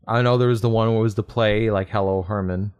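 A young man hosting a podcast in casual chat, relaxed and self-mocking, laughing often. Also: on the low side, fast, clear, resonant tone. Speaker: podcast host.

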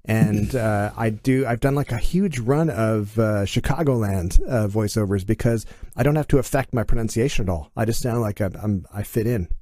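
A Canadian man in his forties, a voiceover artist chatting as a podcast guest, telling animated stories and laughing easily. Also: fairly low pitch, dry recording. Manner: animated, story-driven, quick to laugh. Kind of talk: casual storytelling chat.

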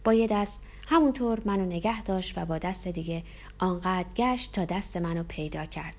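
A woman's voice: lowish voice, darkish tone. A woman narrating a tense first-person story as an audiobook reader.

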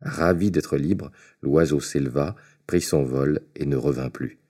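Brief: male storyteller reading a fairy tale, very deep, mellow, measured.

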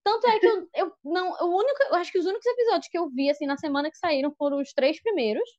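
A woman's voice: very high voice, darkish tone, no echo. A Brazilian woman co-hosting a podcast, talking in an emotional way full of fillers. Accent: Brazilian Portuguese. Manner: fast, emotional, lots of fillers. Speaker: podcast co-host. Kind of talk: casual podcast chat. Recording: dull lo-fi sound.

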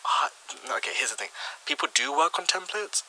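A man's voice: fairly high pitch, expressive, a little fast, sharp tone, a little hiss or hum, rough recording. A young man co-hosting a podcast, chatting casually and giving laid-back advice. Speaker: podcast co-host. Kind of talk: casual chat.

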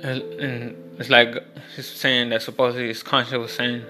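A young man rambles through a personal story in a loose, unscripted way. His voice is bright and forward, and his pitch stays level and flat. Faint guitar music plays underneath. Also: moderate pace. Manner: rambling, many restarts and fillers, frank. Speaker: vlogger. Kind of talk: casual storytelling monologue.

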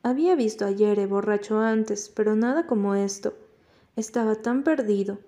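Mellow-voiced woman reading an audiobook. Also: medium pitch, moderate pace. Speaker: audiobook narrator. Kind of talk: scripted first-person narration.

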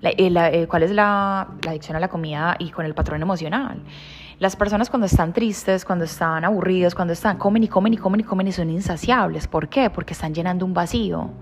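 A woman in her thirties giving a reflective motivational monologue, heartfelt and emphatic, sometimes dropping to a soft hush. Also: lowish voice, brisk, a little hiss or hum. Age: 30s. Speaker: personal growth speaker.

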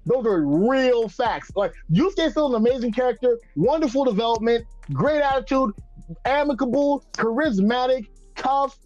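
A man co-hosting a podcast in casual chat, animated and joking, with lots of fillers. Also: extremely high pitch, normal speed, soft background music. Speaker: podcast co-host. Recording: muffled dry recording.

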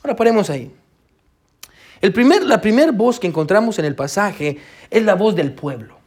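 A young man preaching a sermon to his congregation, halting with fillers and repeated words and often saying amen. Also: high-pitched, big pitch swings, a little mellow, slightly rough. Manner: addresses the congregation as brother and sisters.

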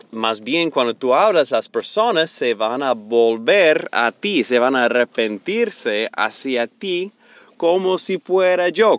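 A middle-aged man teaching on Bible words, earnest and slow, mixing a personal confession into his explanation. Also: medium pitch, fairly bright tone, slight background noise. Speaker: preacher.

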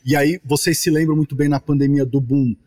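A man from Brazil, a podcast guest, explaining his topic at length in casual chat with animated asides. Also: a little high, a little fast.

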